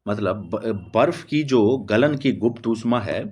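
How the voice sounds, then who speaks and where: Speaking slowly with lively intonation, a man with a fairly low, darkish, slightly rough voice teaches chemistry. His classroom-style explanation repeats key terms word for word, and he supplies answers to his own rhetorical questions.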